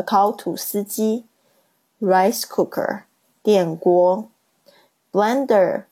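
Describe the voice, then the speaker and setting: A woman teaching an English vocabulary lesson on a livestream. She reads word lists, repeats the English terms slowly and explains how to pronounce them. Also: medium pitch, mellow, husky, low-quality recording.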